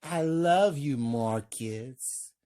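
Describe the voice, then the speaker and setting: A woman's voice: very deep voice, drawn-out words, dark tone, heavily acted. A woman voicing an obsessed, evil female stalker calling on the phone, seductive and menacing.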